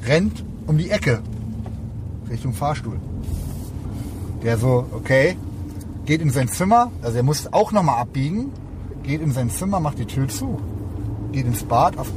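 A man in casual chat, telling a long rambling anecdote full of fillers, recorded inside a car. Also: fairly high pitch. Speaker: storyteller. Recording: loud car road noise.

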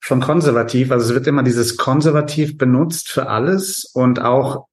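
A man's voice: mid-range voice, normal speed. A man who grew up in Italy co-hosting a podcast, talking things through thoughtfully and often restarting his sentences while he searches for words. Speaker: podcast co-host. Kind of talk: casual political chat.

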